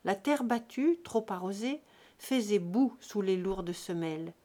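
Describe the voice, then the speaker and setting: Brief: female audiobook narrator, measured and expressive literary reading. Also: medium pitch. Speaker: audiobook reader. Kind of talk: scripted narration of a classic novel.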